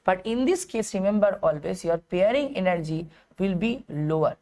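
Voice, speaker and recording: A woman's voice: medium pitch, lively intonation, moderate pace, mellow. A woman with an Indian accent giving an instructional chemistry lesson, mixing Hindi phrases into English and repeating phrases and rhetorical questions for emphasis. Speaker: chemistry teacher.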